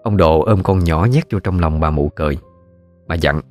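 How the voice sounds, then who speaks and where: A man with a Southern Vietnamese accent narrating a ghost story in a steady, folksy way. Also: a bass voice, normal speed, faint music behind.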